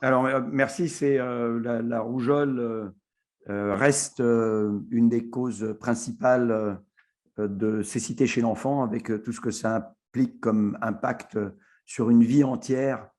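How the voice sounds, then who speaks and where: A man's voice: mid-range voice, fairly even intonation, measured pace, darkish tone. A man answering a question at a conference, hesitant, with many fillers and restarts. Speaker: invited expert answering questions.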